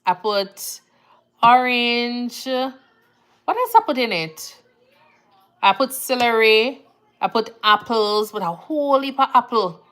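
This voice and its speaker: Her voice a little high, this nurse livestream host from Jamaica speaks slowly and pauses often. She chats casually in a Jamaican accent, reads viewer comments aloud, and stays relaxed and chatty, laughing easily and using Jamaican phrasing.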